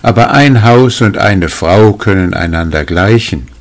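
A man's voice: on the low side, animated, measured pace. A man voicing a simple, trusting farmer who is confused and earnestly pleading, in a read-aloud folk tale. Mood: bewildered.

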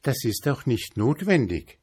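A man voicing a frightened innkeeper's wife in a read-aloud fairy tale, pleading in a high voice. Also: sing-song, a little slow, darkish tone, husky, full character voice.

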